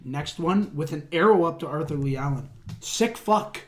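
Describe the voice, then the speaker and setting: A man's voice: a little high, expressive, moderate pace. A man co-hosting a podcast in casual chat, jokey and swearing, often laughing. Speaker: podcast co-host.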